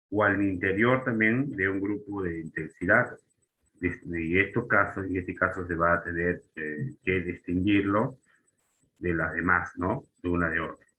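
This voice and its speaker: A man's voice: sits low, pushed and bright, low-quality recording. A man teaching a lesson to young students, explaining step by step with frequent fillers and tag questions. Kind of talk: spelling and grammar lesson.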